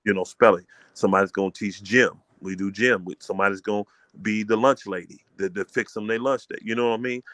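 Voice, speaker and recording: A middle-aged man with a lowish voice, talking in an emphatic, preacherly way. He keeps checking "you know what I mean" as he explains. The sound is dry and close, with no room around it. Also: steady tone, quick pace, fairly bright tone, no room sound. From Fort Wayne, Indiana, US. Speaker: community elder, homeschool leader. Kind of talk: casual call-in chat.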